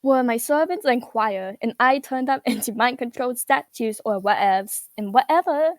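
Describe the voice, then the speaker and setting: A woman voicing a vain, boastful evil queen diva, her voice run through a voice changer that shifts its pitch, speaking haughtily and laughing at herself mid-sentence. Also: normal speed, no room sound, studio quality. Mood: haughty. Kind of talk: comedic character roleplay.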